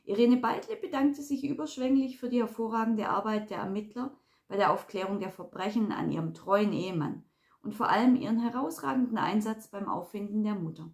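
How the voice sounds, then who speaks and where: A woman reading a crime novel aloud in a calm, even narrating voice. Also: medium pitch, fairly quick. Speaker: reader.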